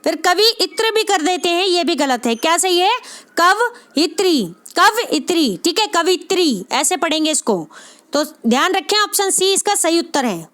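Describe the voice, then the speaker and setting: A woman leads an exam-prep lesson, repeating each answer and checking in often with her viewers. Her voice sits very high and rings bright and forceful. She explains patiently, step by step. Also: very animated, normal speed. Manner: repeats answers, frequent "ठीक है" check-ins. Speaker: Hindi exam tutor.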